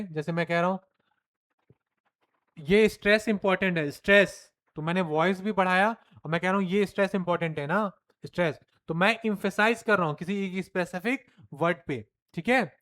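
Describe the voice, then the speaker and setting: Hindi-speaking male teacher, question-and-answer lecture. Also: high-pitched. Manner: lively, mixes Hindi and English, asks and answers his own questions. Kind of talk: classroom lecture.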